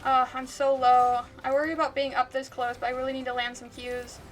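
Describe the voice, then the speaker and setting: A woman's voice: high-pitched, level tone, fairly quick. A woman livestreamer giving chatty, giggly gaming commentary, laughing often.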